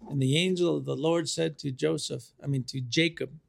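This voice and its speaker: A man preaching a sermon, slow and deliberate, repeating key phrases for emphasis. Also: on the high side, steady tone, creaky.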